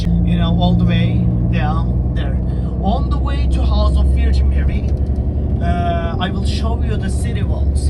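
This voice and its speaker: A man's voice: sits high, poor audio. A man from central Turkey with a Turkish accent, guiding a tour group on a vehicle and quizzing them with "okay?" and "you know". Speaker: tour guide.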